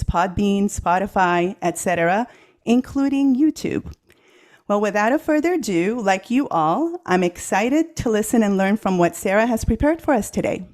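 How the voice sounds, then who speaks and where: A woman opens her podcast with an upbeat, welcoming scripted introduction. Her voice is mellow and warm. She speaks at a middle pitch. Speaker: podcast host.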